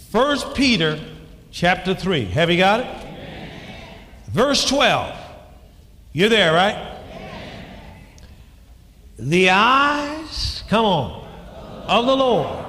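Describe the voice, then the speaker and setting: A man preaching a sermon, calling out to the congregation and shouting lines for emphasis. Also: high voice, slight background noise. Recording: long hall reverb, faint ambience.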